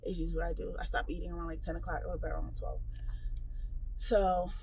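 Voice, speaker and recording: A woman in her thirties vlogs casually to her camera, chatty, candid and heavy on fillers, and in a waiting room she drops to a hushed, nervous whisper. Her voice is lowish, level and creaky, she talks fast, and the background is noisy.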